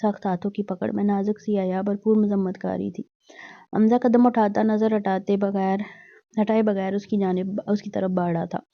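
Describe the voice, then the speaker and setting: Woman narrating a novel, steady and dry. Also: medium pitch, moderate pace, gravelly, no room sound. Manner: steady, even storytelling. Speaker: audiobook narrator. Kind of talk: novel reading. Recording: dull dry recording.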